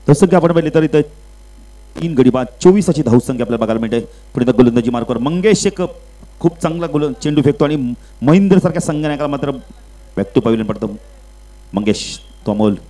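A man giving live play-by-play commentary at an outdoor local cricket match over a public address microphone, getting louder and higher on runs and wickets and calmer between balls, with English cricket terms mixed in. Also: brisk, rough recording. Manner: mixes English cricket terms into his talk.

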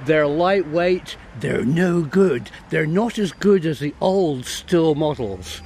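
A man's voice: a little high, animated, slow pace, darkish tone, slight background noise. An older man outdoors in a garden, talking close to a handheld camera as he explains the engineering of a chainsaw with enthusiasm and little bursts of laughter. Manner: enthusiastic, breaks into short laughs mid-sentence. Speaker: science filmmaker and farmer reviewing a chainsaw. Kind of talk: casual explanatory video review. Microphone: handheld camera held close, wide-angle selfie framing.

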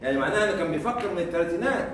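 With a high-pitched, animated voice and rapid-fire delivery, an Egyptian man with an Egyptian Arabic accent gives an informal university lecture as a guest. He keeps asking rhetorical questions, repeating himself and chuckling. Sound is echoey from a far-off mic, with faint noise.

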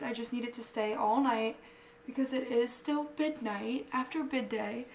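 Speaking with a high voice well away from the mic, a sorority member in her early twenties chats casually and bubbly to her vlog camera during a get-ready-with-me video. The camera is handheld or propped up in small, echoey rooms of an apartment and a house, so the recording carries roomy echo and faint background noise.

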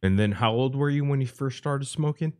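A podcast host from Los Angeles, USA, interviews someone over a remote online call in a casual chat. His mid-range voice is warm and fairly quick, and his speech is informal, slangy, exclamatory, and full of swearing.

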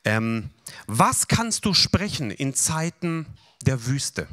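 A man gives a sermon in an animated style, guiding the congregation as they slowly recite scripture together. His voice sits at a medium pitch.

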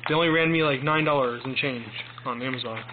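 A young man giving a casual, rambling product review in a phone video, halting and informal, recorded on a handheld phone in a room at home. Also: mid-range voice. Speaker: amateur headphone reviewer. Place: small domestic room, indoors. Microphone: handheld phone mic. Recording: tinny phone recording with clear noise.

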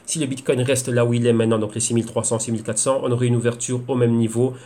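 Fast-talking man analyzing trading charts. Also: medium pitch, level tone, warm tone. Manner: rapid, rhetorical questions, explanatory. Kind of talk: screen-share chart analysis.

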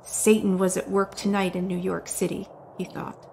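A woman narrating a dramatic horror story from a script, often dropping into hushed whispers. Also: medium pitch, flat delivery, normal speed, gravelly, background noise.

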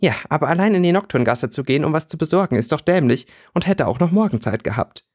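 A man's voice: on the high side, animated, quick pace, a little mellow, pitched above the performer's own voice. A man voicing a hot-tempered teenage schoolgirl in an audiobook reading. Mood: indignant. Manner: scolding, indignant.

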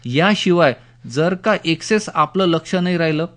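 A man explains things as an expert guest on radio, in a slightly high voice. His comes with an instructive manner, and he goes back over key points. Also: animated, moderate pace, a bit bright. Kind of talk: spoken explanatory advice on radio.

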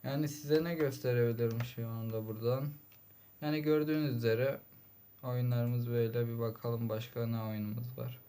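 A man's voice: mid-range voice, flat delivery, normal speed, dark tone, clear, resonant tone. A man giving casual gameplay commentary, grumbling and exasperated, with sudden frustrated outbursts. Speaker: gaming channel host.

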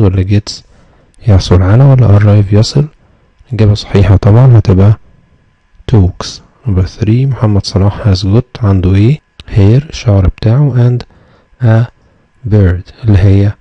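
A man's voice: fairly low pitch, dry recording. A man with an Egyptian Arabic accent, an English teacher going over a review lesson step by step, asking questions and answering them himself. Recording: dull, dry lo-fi sound.

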